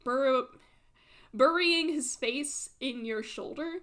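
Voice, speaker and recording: A woman running a tabletop game, improvising narration in a hesitant, halting way. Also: sits high, fairly bright tone. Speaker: game master.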